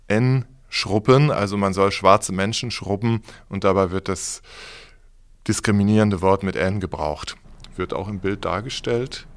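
A man interviewing, asking probing and slightly provocative questions. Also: fairly low pitch.

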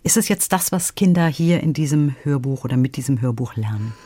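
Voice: medium pitch, animated, brisk, dark tone, no echo. A radio host asking a critic questions in a review conversation.

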